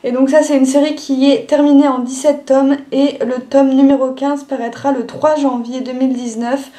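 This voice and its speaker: High-voiced young woman chatting casually. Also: little pitch movement, normal speed, warm tone. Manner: chatty, lots of "euh" and "du coup" fillers. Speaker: manga haul vlogger. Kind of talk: casual haul video chat.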